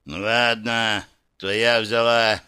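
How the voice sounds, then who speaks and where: A man's voice: on the low side, little pitch movement, bright, forceful tone, clean tone, exaggerated voice. A man growling as a bloodthirsty demon brute. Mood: grudging growl. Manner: growling, slow and menacing. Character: brutal bloodthirsty male demon gladiator. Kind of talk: audiobook character voice.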